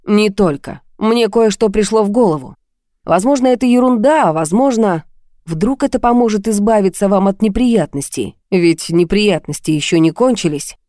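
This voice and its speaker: Woman reading a calm mysterious man. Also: medium pitch, no room sound, studio quality, lightly acted. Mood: measured. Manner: measured, mysterious.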